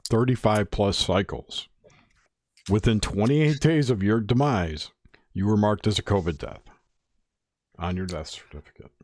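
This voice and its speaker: A man's voice: fairly low pitch, a little slow, pauses often, a little mellow, slight background noise. A man in casual, opinionated discussion, explaining details and adding corrections as he goes.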